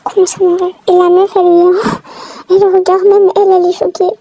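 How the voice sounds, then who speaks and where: A woman's voice: very high-pitched, little pitch movement, brisk, vocal fry, mellow, poor audio. A woman giving chatty, exasperated running commentary while she plays a game. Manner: chatty, reacting aloud, exasperated. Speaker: gamer narrating her play.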